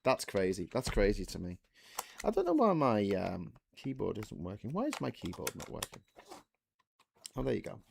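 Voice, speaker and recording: A man's voice: fairly low pitch, wildly swooping pitch, normal speed, creaky, background noise. A man in his forties hosting a casual live stream, rambling through trivia, correcting himself often and talking to his chat. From England. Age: 40s. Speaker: livestream host.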